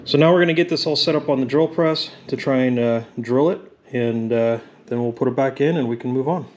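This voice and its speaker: A man talking through a mechanical repair in a home workshop, relaxed and halting with frequent fillers, recorded on a camera filming his hands. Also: medium pitch. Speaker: mechanic demonstrating engine rebuild. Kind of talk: casual workshop tutorial. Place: home workshop at a drill press.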